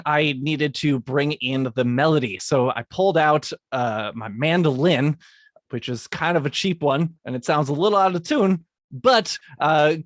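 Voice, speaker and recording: A composer walks through how he built his theme piece, partly reading from a script and restarting or fixing lines as he goes. His voice is on the high side, captured with clean studio sound and no echo.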